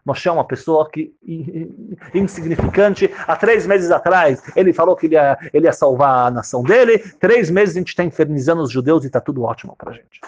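A man's voice: a little high, fairly quick, highs cut off, slight background noise. A man teaching a Torah lesson, reading Hebrew verses and explaining them with theatrical, dramatized storytelling.

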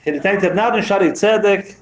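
A man's voice: high voice, a little fast, a little hiss or hum. A man telling a story in a dramatic sermon, emphatic and repeating key phrases for weight. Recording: roomy, slightly dull sound.

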